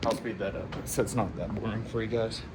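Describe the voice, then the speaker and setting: A man's voice: fairly low pitch, steady tone, a little fast, recorded from a distance. A man talking like a slangy, laid-back gym bro in a casual workout vlog. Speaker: fitness vlogger demonstrating arm exercises. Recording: noisy gym, loud ventilation-like hum.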